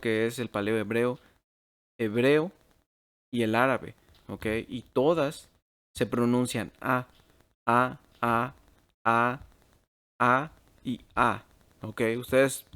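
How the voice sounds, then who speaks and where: Speaking into a computer mic at medium pitch, a man teaches a Bible class while sharing slides. He mixes English words into his Spanish and checks in with "ok?" after nearly every phrase.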